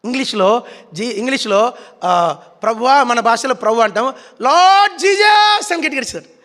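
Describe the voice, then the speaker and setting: A man's voice: very high-pitched, fairly quick, a bit bright. A man preaching a sermon in Telugu style, telling stories animatedly and acting out scenes. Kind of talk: sermon with storytelling. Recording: reverberant hall.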